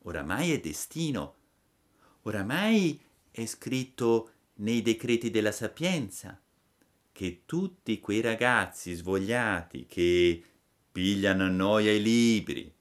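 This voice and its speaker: A man voicing a wise, gentle female marmot who speaks slowly and softly. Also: big pitch swings. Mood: gently scolding. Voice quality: soft, slow and low.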